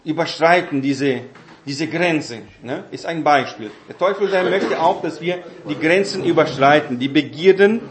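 A man giving a Bible teaching talk in a halting way, with many fillers and tag questions. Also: fairly high pitch, expressive, echoey room, crowd noise. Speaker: preacher.

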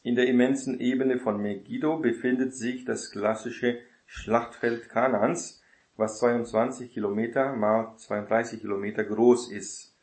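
A man teaching a Bible study in a casual lecture style, often adding a quick tag question to check that listeners follow. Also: mid-range voice, level tone, darkish tone, reverberant.

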